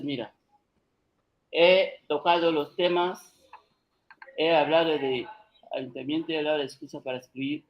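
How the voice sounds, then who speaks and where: At a cultural conference, a man from Equatorial Guinea whose first language is African gives an unscripted lecture, arguing his points emphatically and speaking straight to the audience. His voice is fairly high, and the recording is muffled.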